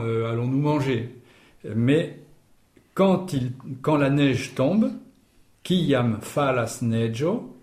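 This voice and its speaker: Man, language teacher, patient explanations, slow delivery, roomy echo. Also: medium pitch, darkish tone. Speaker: Esperanto teacher. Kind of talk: language lesson.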